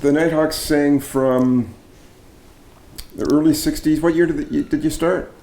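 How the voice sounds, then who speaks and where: A man's voice: a little high, steady tone, a little slow, gravelly, mellow. A man interviewing a guest in a casual way, prompting him with short reactions. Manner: friendly, prompting with short "wow" and "right".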